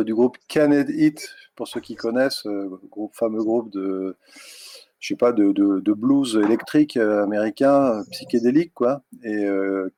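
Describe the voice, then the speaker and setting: A man, a guest author, telling stories in a rambling, relaxed way with many fillers. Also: on the low side, vocal fry. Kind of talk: casual interview chat.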